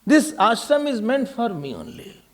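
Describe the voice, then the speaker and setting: With an extremely high pitch and big swings in intonation, an Indian-accented man speaks at a moderate pace in a spiritual discourse. He is emphatic and repetitive, favors rhetorical questions, and blends Hindi phrases into his English.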